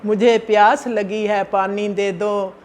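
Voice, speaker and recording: A gentle elderly mother in a spoken parable, as a man puts her on, calm and forgiving. She speaks slowly in a high, even voice.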